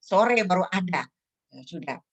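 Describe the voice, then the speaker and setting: A woman's voice: on the low side, lively intonation, a little slow. A middle-aged woman sharing a personal church testimony in a casual, emotional way, full of fillers and restarts. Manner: emotional, rambling with frequent fillers and self-corrections.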